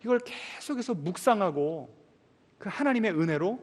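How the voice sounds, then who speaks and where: A man preaches from a pulpit in a high, lifted voice, asking his listeners questions and then answering them himself. He pushes some points out loudly and drops others to a near-murmur. The sound rings on in the long reverb of a large church hall. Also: lively intonation, normal speed. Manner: swings sharply between loud emphasis and soft asides. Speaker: pastor. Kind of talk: sermon.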